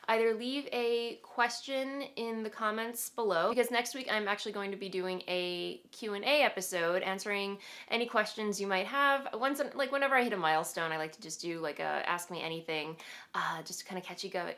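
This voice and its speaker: A woman's voice: medium pitch, normal speed, fairly bright tone. Nasal, congested woman chatting casually. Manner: chatty and rambling, with fillers and laughs. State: congested from a cold. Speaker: knitting podcast host. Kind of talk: casual chat to camera.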